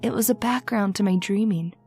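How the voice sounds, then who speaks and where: Soft music plays as a woman gives first-person narration in an old-time radio horror drama, portraying a wistful, formal, lonely and romantic daughter of twenty-one. Her voice is mid-range, brisk, dark-toned and natural.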